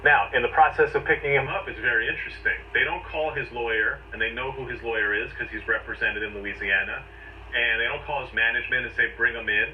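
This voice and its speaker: This legal commentator is a fast-talking man with a medium-pitched voice. He lays out his conversational explainer step by step in short, emphatic bursts. The sound comes through as noisy, dull, distant replayed audio.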